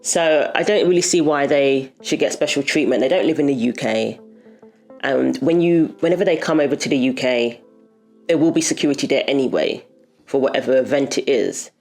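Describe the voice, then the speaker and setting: A woman's voice: rumbling low, normal speed, a little mellow, soft background music. A woman hosting a commentary video, talking in an indignant, emphatic way. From Britain. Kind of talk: opinionated commentary.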